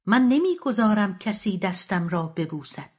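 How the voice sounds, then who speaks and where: A woman voicing a calm but firm wandering male dervish in an audiobook, speaking in a steady, unhurried way. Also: medium pitch, slightly rough. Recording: slightly dull lo-fi audio.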